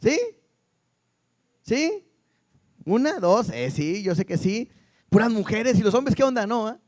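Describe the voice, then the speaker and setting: Brief: male preacher, very high voice, lively sermon full of questions to the congregation. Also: a little slow. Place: church service before a congregation.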